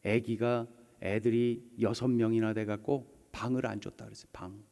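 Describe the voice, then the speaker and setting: A pastor preaching a sermon, emphatic and repetitive, leading the congregation to read and repeat after him. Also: male voice, fairly low pitch, level tone, moderate pace, vocal fry, mellow, long reverb tail. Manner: emphatic, repetitive, leads congregation in call-and-response. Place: church sanctuary.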